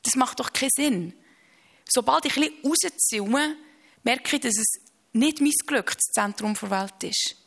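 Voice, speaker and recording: A woman appears as an interview guest, speaking earnestly and reflectively about her faith. She restarts her sentences haltingly and slows down to stress key phrases. Her voice is on the high side, gravelly, and fairly bright.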